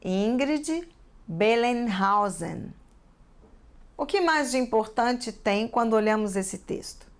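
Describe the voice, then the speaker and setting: A woman's voice: a little high, moderate pace. A woman with a Brazilian Portuguese accent teaching a TV lesson for children, carefully asking the class many questions.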